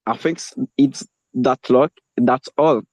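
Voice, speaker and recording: Taking his turn at the mic during English practice, a language learner from Haiti, a native Haitian Creole speaker, speaks off the cuff, slow and halting as he hunts for words. His voice sits at medium pitch with a darkish tone, heard through muffled, roomy, echoey online call audio.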